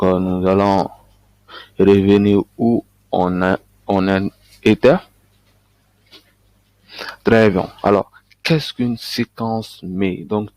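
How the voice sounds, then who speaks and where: A man's voice: fairly low pitch, darkish tone, no echo. A man coaching on online business, talking through a screen-share tutorial with frequent hesitations and restarts. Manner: hesitant, many fillers and restarts.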